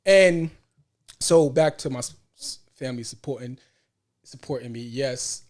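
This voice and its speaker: A man's voice: mid-range voice, unhurried, darkish tone. A man with a Brooklyn, New York accent hosting a podcast in casual conversation, emphatic and given to repeating phrases. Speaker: podcast host.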